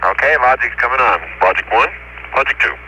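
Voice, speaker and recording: Astronaut heard over distant space radio, terse callouts, bright edgy tone, faint hiss. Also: male voice, mid-range voice, a little fast. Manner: clipped, procedural radio callouts. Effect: air-to-ground space radio. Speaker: astronaut crew member.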